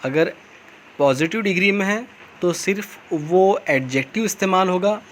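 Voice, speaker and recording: A male school teacher with an Indian English accent records a grammar lesson over slides, speaking in a high-pitched voice at normal speed with slight background noise. He explains patiently and repeats key words.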